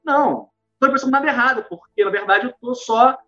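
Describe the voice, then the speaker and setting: A man's voice: very high-pitched, quick pace, sharp tone. A man with a Brazilian accent, an author chatting casually and then reading his own book aloud, self-deprecating and full of filler tags. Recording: dull lo-fi stream with faint music.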